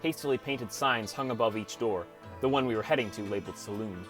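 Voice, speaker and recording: Fairly low in pitch and a little bright, this man's voice moves briskly and stays close to an everyday sound. He portrays a downcast teen boy narrating his gaming adventure with understated, wry first-person audiobook reflection while music plays.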